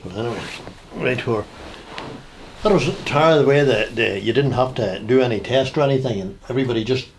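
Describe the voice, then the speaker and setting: Man, mid-pitched, casual prompting interviewer, faint background hum. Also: brisk. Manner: brief prompting backchannels. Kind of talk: casual chat.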